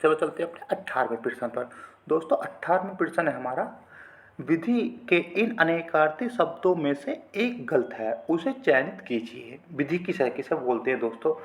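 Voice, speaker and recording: A man's voice: fairly high pitch, lively intonation, normal speed. A man teaching an exam-prep vocabulary quiz in a chatty, repetitive way, often calling his viewers friends.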